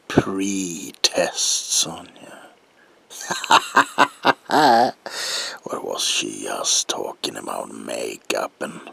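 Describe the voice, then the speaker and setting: A man playing a gleefully menacing clown supervillain as a mad doctor in an ASMR roleplay, with a gravelly, breathy voice and theatrical, drawn-out phrasing. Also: very deep voice, pushed and bright, exaggerated voice.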